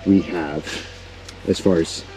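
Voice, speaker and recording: Deep-voiced man giving a warehouse tour. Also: fairly even intonation, takes it slowly, over a noisy crowd. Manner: upbeat, enthusiastic. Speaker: vlog host. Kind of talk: casual walk-and-talk tour. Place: large warehouse. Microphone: lapel.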